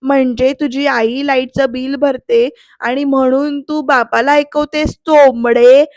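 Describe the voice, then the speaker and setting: A woman voicing a harsh, bullying middle-aged father who shouts slow, menacing threats, quoted in a TV episode recap. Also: high voice, flat delivery, no echo, close to an everyday voice. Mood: furious. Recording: dull, lo-fi, dry sound.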